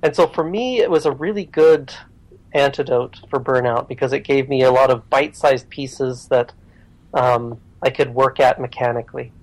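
Relaxed self-deprecating male guest. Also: mid-range voice, normal speed, poor audio. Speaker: podcast guest, programmer and writer. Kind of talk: casual interview chat.

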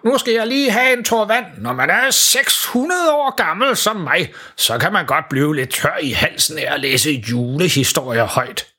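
A man voicing an ancient Santa Claus who reads Christmas stories to children, in a raised, gentle voice. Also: on the high side, very animated, hardly any pauses, slightly rough, pitched above the performer's own voice, exaggerated voice. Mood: cheerful. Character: old jolly Santa Claus, six hundred years old.

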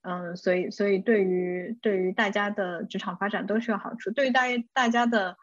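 A woman, a game industry executive, speaking in a measured way on a podcast and pausing often with hums. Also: medium pitch, fairly even intonation, no room sound. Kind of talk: podcast conversation. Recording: dry, dull lo-fi sound.

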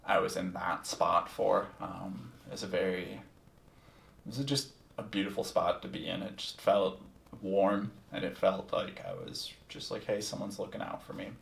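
A man tells a personal story casually and candidly, reflective, swearing freely and using plenty of ums. His voice is low-pitched, creaky and fairly bright. He sounds distant from the mic in an echoey room.

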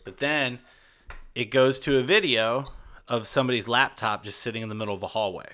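A man's voice: mid-range voice, brisk, bright, forceful tone. A man hosting a podcast, telling a story in loose, casual chat with frequent swearing. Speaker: podcast host.

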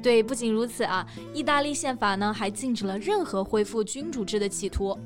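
Woman co-host for an English lesson podcast, fairly high voice, faint music under her. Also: expressive, a little fast. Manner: explains word meanings step by step. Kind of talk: bilingual language lesson.

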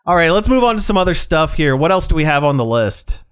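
A man's voice: on the high side, sing-song, fast talker, fairly bright tone, clear, resonant tone. A man co-hosting a podcast, talking casually in a rambling way, often restarting his sentences. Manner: rambling, restarts, reads aloud. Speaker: podcast co-host. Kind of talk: casual chat.

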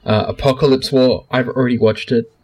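Guy on a podcast geeking out, mid pitch, chatty, laughs a lot. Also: steady tone, fairly quick, a little mellow. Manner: enthusiastic, explains at length, laughs often. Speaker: podcast co-host. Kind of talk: casual chat.

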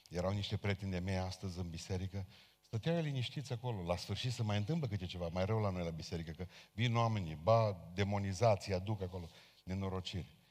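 A man's voice: sits low, darkish tone. A man preaching a sermon as a Pentecostal pastor, speaking fervently and addressing his congregation directly. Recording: long hall reverb.

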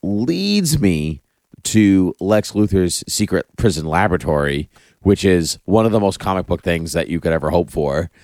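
A man's voice: low-pitched, animated, normal speed, darkish tone, dry recording. A man hosting a casual, enthusiastic chat, repeating phrases for emphasis. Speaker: podcast host. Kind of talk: casual chat about comic-book TV.

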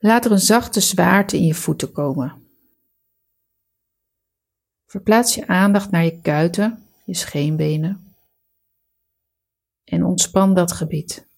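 Female meditation guide: lower register, noticeable vocal fry, calm and soothing, measured relaxation instruction.

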